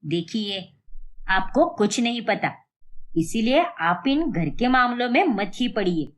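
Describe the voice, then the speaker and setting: A woman's voice: a little high, animated, takes it slowly. A woman voicing a scheming, domineering mother-in-law in a cartoon story. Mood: bossy. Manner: scolding, domineering. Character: scheming bossy middle-aged mother-in-law.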